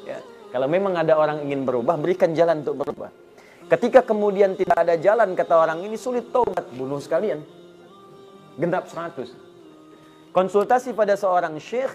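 A middle-aged man preaching a sermon, telling stories with acted dialogue and recited verses, swinging between loud emphasis and soft asides. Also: fairly high pitch, animated, fairly quick, faint music behind. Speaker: Islamic preacher.

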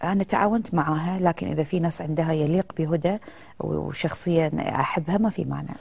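A woman's voice: deep voice, fast talker, creaky, husky. A middle-aged woman, an actress guest telling stories in a casual TV interview. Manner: lively, animated storytelling with quoted dialogue.

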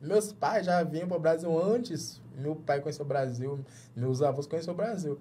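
Speaking at a normal speed, a man with a fairly high, dark-toned voice comes through over a faint hiss or hum. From Jamaica and in his thirties, with a Jamaican accent, he's a journalist guesting in a small padded studio for an easygoing interview, frequently restarting words as he reaches for Portuguese ones.

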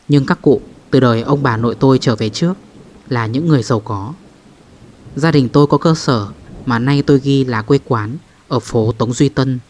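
A man narrating a first-person ghost story in a calm, measured way. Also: mid-range voice, a little hiss or hum.

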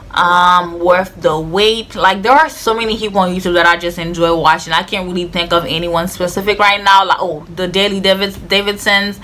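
A young woman in her twenties with a Haitian accent chats earnestly to the camera from her bedroom, leaning heavily on "like" as a filler. Her voice sits fairly low yet sounds bright and forceful. She's a vlogger talking casually indoors.

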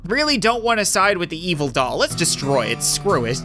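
A man hosts a game playthrough in a lively, theatrical voice. His pitch moves around a lot as he reads aloud and adds wry asides. Guitar music plays underneath, and he is close to the mic. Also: normal speed. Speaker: gaming video host. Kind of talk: game playthrough commentary, reading text aloud.

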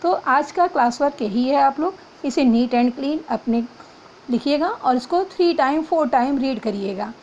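A woman teacher giving a class lesson for young children, spelling out letters and dictating slowly. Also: sits high, lively intonation, a little mellow. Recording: slightly dull, faint background hiss.

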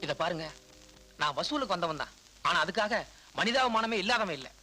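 Glib loan officer, film comedy-drama: high, quick, talkative, pleading. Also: male voice, expressive, over music, low-quality recording. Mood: earnest, reproachful. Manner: talkative, pleading, mixes in English words. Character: glib, fussy bank loan field officer and husband.

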